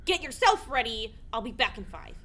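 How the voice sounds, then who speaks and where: A woman's voice: fairly high pitch, very animated, moderate pace, a bit bright. A woman playing a bossy, flustered suburban mother with a secret in an improvised comedy scene, scolding in exasperation. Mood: exasperated, bossy. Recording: faint background noise.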